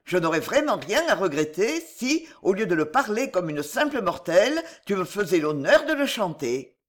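A reader voicing a menacing male bullfighter who speaks with calm, cold scorn. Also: medium pitch, normal speed.

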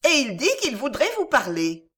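A woman puts on an eager little boy, high and bright, his lilting voice full of affection. Keep it light and sweet, the way a child speaks in a storybook. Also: huge pitch swings, moderate pace, slightly rough, full character voice.

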